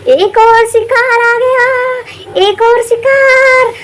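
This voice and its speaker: A shrill, very high cackling witch, put on by a woman in a homemade doll drama. She is hungry and gloating, stretching each threat out slowly between bursts of laughter. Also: steady tone, heavy background noise, full character voice.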